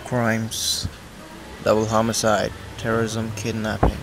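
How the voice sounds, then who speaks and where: A man acting as an impassive official, reading a criminal case record in a clipped, formal monotone. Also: fairly low pitch, unhurried, vocal fry. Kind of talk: formal scripted record read-out. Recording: noisy old-tape sound.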